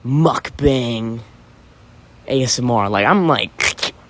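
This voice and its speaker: Casual male podcaster, mid-pitched, rambling and profane, faint room hum. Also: slow pace. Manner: rambling, profane, heavy on "you know" fillers. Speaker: podcast host.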